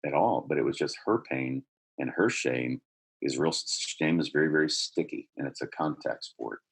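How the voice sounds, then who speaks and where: A man's voice: very deep voice, moderate pace, gravelly, slightly rough. A man, a podcast guest, earnestly telling a personal story and building energy as he goes.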